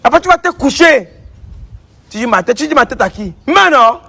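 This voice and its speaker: Guy with a really high voice playing a healer, keeps scolding and repeating himself. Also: big pitch swings, moderate pace, vocal fry, pushed and bright. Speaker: traditional healer. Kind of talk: staged confrontation sketch.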